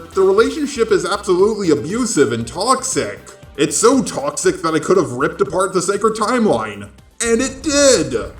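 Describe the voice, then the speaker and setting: In the manner of an online video host, a man offers sarcastic, exasperated, opinionated commentary on films and TV. His voice is medium-pitched with a roomy sound, and background music plays behind him.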